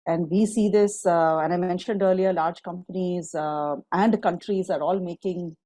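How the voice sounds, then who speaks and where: A woman's voice: on the low side, steady tone, normal speed, warm tone, no echo, rough recording. A woman, a guest on a panel discussion, speaking fluently and laying out her points in long lists. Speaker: guest panelist, climate fund partner.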